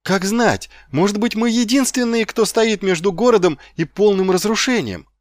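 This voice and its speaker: A man's voice: sits high, normal speed, dry recording, studio quality, voice pushed up, natural voice. A man voicing an earnest, eager young male guard recruit who speaks in a rousing, impatient way, in an audiobook.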